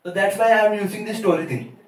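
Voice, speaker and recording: A high-voiced man speaks English with a Malayali accent from Kerala. He is a nervous amateur comic, rambling and doubling back on his words. He sounds distant from the microphone in an echoey room. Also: fast talker. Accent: Malayali (Kerala) Indian English. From Kerala, India. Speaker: amateur stand-up comedian. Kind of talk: halting open-mic stand-up storytelling. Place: live open-mic venue, small audience. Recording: echoey room, far from mic.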